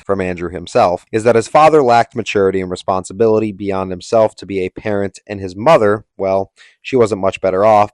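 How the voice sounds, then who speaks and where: A man giving scripted comedic narration, sardonic and crude with a deadpan delivery. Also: on the low side, no room sound. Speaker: commentary narrator.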